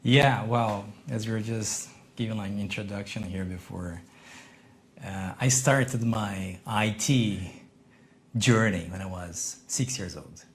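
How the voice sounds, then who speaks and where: Low gravelly Brazilian man, English. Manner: non-native English, halting restarts, lively emphasis. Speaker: podcast guest, entrepreneur. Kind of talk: conversational interview.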